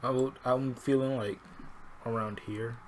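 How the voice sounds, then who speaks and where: A man's voice: mid-range voice, fairly even intonation, measured pace. Rambling young man in casual chat. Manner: rambling, many fillers, looks up pronunciations aloud.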